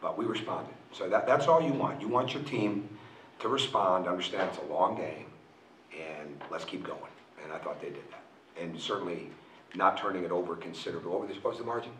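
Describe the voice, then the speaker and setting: Low-voiced coach at a press conference. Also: male voice, a little fast, fairly bright tone, slight background noise. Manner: frank, repetitive, restarts phrases. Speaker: college basketball coach. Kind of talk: post-game press conference answers. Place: press room in front of a logo backdrop. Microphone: table mic on a stand. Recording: roomy, picked up from a distance.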